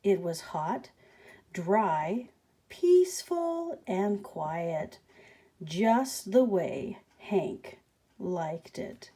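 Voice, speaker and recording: A gentle woman storyteller reads a picture book aloud for children, slowly and with a lively sing-song lift. Her voice is mellow and soft, and now and then she drops to a whisper. It sounds like a home video recording. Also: medium pitch, breathy edge. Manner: gentle, slips into whispered asides. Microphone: webcam or phone video.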